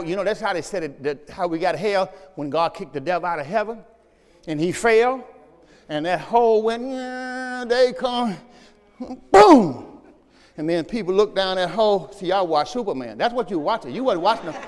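Male pastor, high voice, sermon in a church with long reverb; swings from loud calls to quiet asides. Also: brisk. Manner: animated preaching with sudden shouts and low asides, talking to the congregation.

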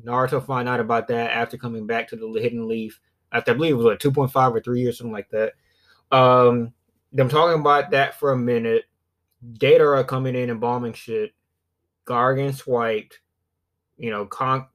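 A man from southern Alabama with a Southern US accent, hosting a podcast solo in a rambling, conversational, profanity-sprinkled way. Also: medium pitch. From southern Alabama, United States. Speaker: podcast host. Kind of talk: casual solo podcast commentary.

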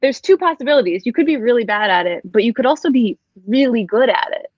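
Easygoing woman interviewer, neutral accent, lightly high voice, dry dull recording. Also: animated, fast, no echo. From Oregon. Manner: easygoing, encouraging, laughs along. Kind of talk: casual remote chat.

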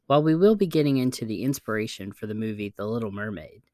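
A man's voice: fairly low pitch, expressive, fast, mellow, no room sound. Man hosting a podcast, dry close sound. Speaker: podcast host. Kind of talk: scripted narration, reading articles aloud.

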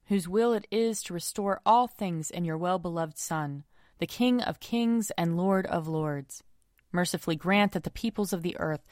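A woman worship leader reading scripture and prayers aloud in a solemn, measured, formal way. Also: fairly low pitch, dry recording, clean studio sound. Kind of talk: liturgical reading and recited prayer.

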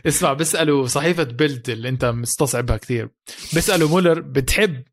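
A man's voice: fairly high pitch, very fast. A man with a Levantine Arabic accent co-hosting a football podcast, telling stories in casual colloquial chat and repeating phrases for emphasis.

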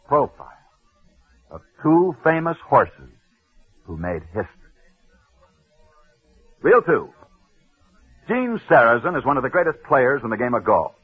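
A man with a fairly high, breathy-edged voice hosts a sports story show, telling tales and reading ads in a punchy, dramatic 1940s radio style. His delivery is dramatic, with sudden drops, and the sound is that of a tinny old radio broadcast.

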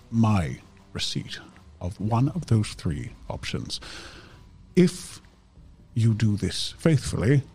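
A man voicing a lordly, possessive master in a tabletop game, with pompous, ornate and deliberate formal orders in a dark, creaky voice. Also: on the low side, exaggerated voice. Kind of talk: tabletop game role-play.

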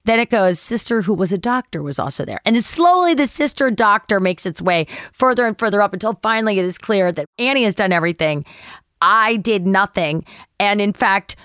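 Animated middle-aged woman telling a story as a guest, mid pitch, dry close sound, jumps way up doing other people's lines. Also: normal speed, smooth, no echo. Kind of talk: casual storytelling anecdote.

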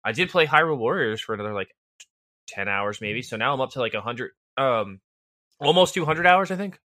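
A man's voice: mid-range voice, lively intonation, brisk, bright, forceful tone, no echo, studio quality. A man co-hosting a casual gaming podcast, rambling and filling his talk with "like". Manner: rambling, heavy on "like". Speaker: podcast co-host.

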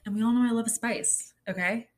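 A woman's voice: fairly high pitch, steady tone, fairly quick. A woman in her thirties from Kansas City, telling stories in a rambling, chatty monologue full of "like.". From Kansas City, Kansas, USA. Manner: rambling, chatty, heavy use of "like". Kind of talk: casual comedic monologue.

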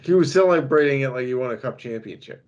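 A male podcast co-host with a voice of middling pitch talks through race picks in relaxed, casual chat. He talks quickly and breaks into easy laughs. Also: muffled recording. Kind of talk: casual sports betting chat.

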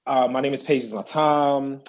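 A man in his thirties co-hosting a podcast, excitable and quick to exclaim in casual chat. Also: medium pitch, muffled recording. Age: 30s. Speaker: podcast co-host.

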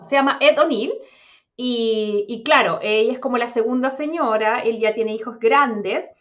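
High-voiced Chilean woman chatting fast. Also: a bit bright, lo-fi sound. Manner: chatty, fast, full of slang fillers. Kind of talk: casual chat.

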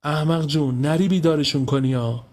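A man's voice: fairly high pitch, voice pushed up, lightly acted. A man voicing a bossy, rude boy who acts as the leader of the group and barks orders with scorn. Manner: loud, scornful, bossing others.

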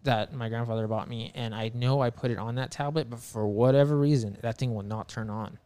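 A man's voice: mid-range voice, steady tone, a little fast, mellow, clean tone. A man telling a story as a podcast guest, rambling and full of filler words, swearing a lot, earnest and emphatic. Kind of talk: casual chat.

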